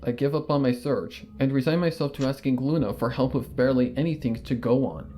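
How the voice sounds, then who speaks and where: Speaking in a mellow, medium-pitched voice, a man narrates a first-person fan fiction story in a measured, earnest way.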